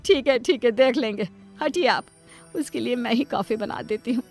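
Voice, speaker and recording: High-pitched cartoon mom, woman voicing, soft-hearted, kinda pleading and whiny. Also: moderate pace, soft background music. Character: doting, long-suffering middle-aged mother. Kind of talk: Hindi cartoon voice acting.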